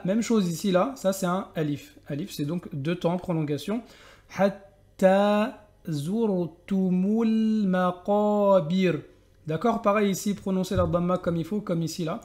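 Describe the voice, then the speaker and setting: Man, high voice, patient teacher, step-by-step explanations, slow chanted verses. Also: darkish tone. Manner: patient, explains step by step, asks and answers his own questions. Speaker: Quran recitation teacher. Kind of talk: tajwid lesson with slow recitation.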